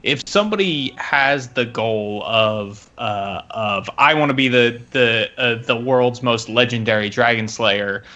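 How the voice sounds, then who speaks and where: A man's voice: mid-range voice, measured pace, hardly any pauses, sharp tone, highs cut off. A man chatting casually on a live show, thoughtful and hesitant with fillers.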